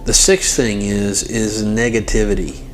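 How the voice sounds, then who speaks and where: With soft music in the background, a host and religious teacher gives an informal devotional talk directly to the listener, repeating phrases to stress his points. He speaks at a measured pace in a fairly low, steady voice.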